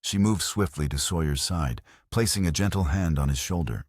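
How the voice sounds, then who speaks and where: A man narrating a western story in a slow, measured storybook reading. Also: deep voice, dry recording, clean studio sound.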